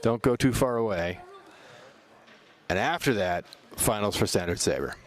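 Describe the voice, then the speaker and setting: A man's voice: fairly low pitch, lively intonation, moderate pace. A man doing live sports commentary as a tournament announcer, mixing casual remarks with score calls.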